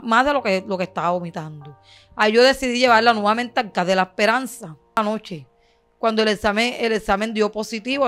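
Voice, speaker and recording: A young woman with a Colombian Caribbean coast accent, a bereaved mother giving halting, emotional testimony to a reporter. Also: on the high side, fairly bright tone. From Cartagena, Colombia. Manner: halting, emotional, stumbles and repeats herself.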